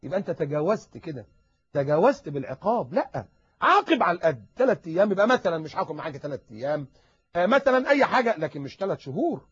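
Egyptian guy preaching super fast, highish husky voice, dull lo-fi sound. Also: no room sound. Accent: Egyptian Arabic. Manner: animated, acts out dialogues, rapid repetitions. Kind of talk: religious advice lecture. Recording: dull lo-fi recording.

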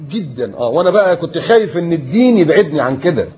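A man in his fifties, an Egyptian-accented preacher appearing as an interview guest, races through his story in a voice on the high side. He tells it with liveliness, acting out what people said to him, over dull audio with crowd noise.

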